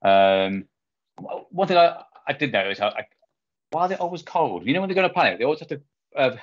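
A man's voice: medium pitch, big pitch swings, fast. A man co-hosting a podcast, talking in a rambling, chatty, amused way. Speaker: podcast co-host. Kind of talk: casual chat. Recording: dull lo-fi podcast audio.

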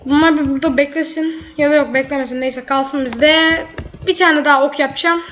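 A woman's voice: high-pitched, steady tone, brisk, fairly bright tone, soft background music. A woman gamer giving chatty running commentary over her gameplay, blurting out frustration at opponents. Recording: dull lo-fi mic.

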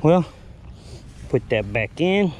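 A man's voice: a little high, very animated, takes it slowly, very noisy. A man narrating his metal detecting hunt outdoors, breathing hard and rambling with filler words. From Texas. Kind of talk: casual narration while digging. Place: outdoors in a humid field.

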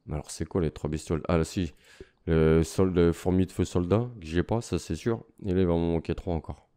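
A man's voice: sits low, steady tone, fairly quick, dark tone, clean tone. A man giving casual let's-play commentary, chatting to viewers and taunting enemies as he plays. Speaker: gaming youtuber.

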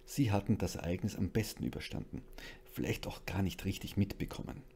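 A man reading a horror audiobook aloud in a measured, suspenseful narration. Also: low voice, vocal fry, warm tone, slight background noise. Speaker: audiobook reader.

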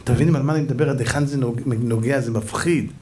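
A man giving a fiery sermon as a rabbi, dramatic, swinging between shouting and hushed asides, with an Israeli Hebrew accent. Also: mid-range voice.

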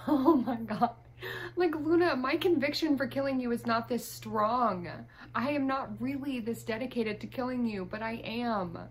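A woman's voice: a little high, normal speed, slight background noise, poor audio. A woman giving chatty, exasperated commentary while playing a life-simulation game. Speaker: gaming YouTuber. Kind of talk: gameplay commentary.

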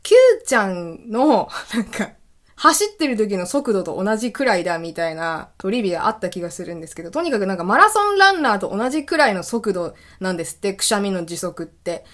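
Lively animated Japanese woman podcaster. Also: mid-range voice, fairly quick. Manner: animated storytelling, laughing often. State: recovering from illness. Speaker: podcast host. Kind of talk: casual solo radio talk.

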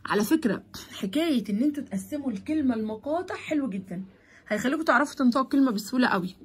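A woman with an Egyptian Arabic accent, teaching a primary school English lesson and stretching out the English words slowly between her Arabic explanations. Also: high-pitched, lively intonation, husky.

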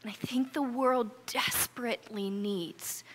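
With an unhurried, steady tone pitched on the high side, a middle-aged American woman pastor preaches to her congregation in a church sanctuary. Her sermon is emphatic, earnest, and conversational, like storytelling. The recording is reverberant and carries a little hiss or hum.

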